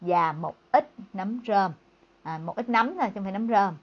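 A female English teacher runs a bilingual lesson, reading dialogue lines slowly and clearly before explaining them chattily. Her mid-range voice is animated, though the audio sounds dull.

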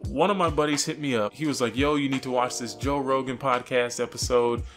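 A young man telling a story casually to camera in an expressive, slangy way, acting out reactions. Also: medium pitch, brisk. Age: young adult. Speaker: vlogger. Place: small furnished room with couch, indoors. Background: music.

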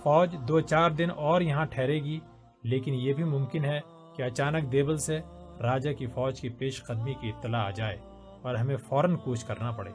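Man playing caring soldier brother, gentle, earnest, measured, faint music behind. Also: medium pitch, steady tone, lightly acted. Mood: tender.

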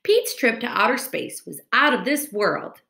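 Her voice sits on the high side, gravelly and unhurried, as this woman in her thirties reads a storybook to young children with teacherly expression. It's a screen-recorded webcam video from a room in her home, captured on a computer mic at webcam distance, with noticeable room echo.

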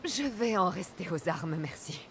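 A woman's voice: on the low side, expressive, normal speed, gravelly, a bit bright, faint music behind. An actress playing a tough young female mercenary in a video game, with a dry, self-assured manner. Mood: firm. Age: young adult. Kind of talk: video game character acting in French dub.

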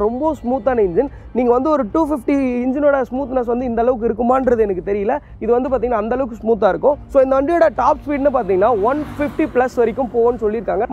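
High-pitched fast-talking young man reviewing bikes. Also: a little mellow, highs cut off. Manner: rapid explanatory talk, standing by a motorbike. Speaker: motorcycle reviewer. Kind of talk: bike review to camera. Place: outdoors by a roadside.

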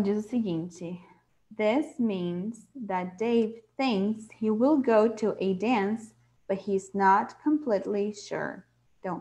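A woman from Brazil, a native Portuguese speaker, teaches an English class online. She explains each word with patience and pauses often to check that her students follow. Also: medium pitch, darkish tone. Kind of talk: online language lesson.

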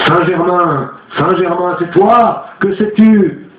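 A woman's voice: on the low side, slow pace, voice pushed up. A man voicing an imperious middle-aged woman who leads a séance, insistent and commanding. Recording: tinny lo-fi, roomy echo.

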